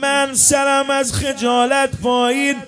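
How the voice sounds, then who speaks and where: High-voiced man chanting a religious story. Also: monotone, fairly bright tone, soft background music. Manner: impassioned, half-sung delivery. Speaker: religious eulogist.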